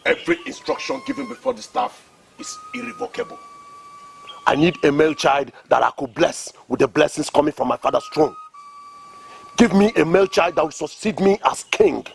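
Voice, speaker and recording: A man's voice: low voice, normal speed, creaky, soft background music. A man with a Nigerian accent playing a stern, demanding king in a film drama, speaking in a commanding, declamatory way. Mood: angry, threatening. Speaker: actor.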